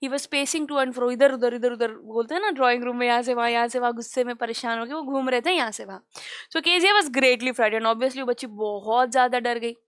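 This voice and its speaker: A woman's voice: fairly high pitch, moderate pace, dry recording, clean studio sound. A woman teacher explaining a story to her class, mixing English lines with Hindi retelling and asking questions as she goes. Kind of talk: Hindi-English literature lesson.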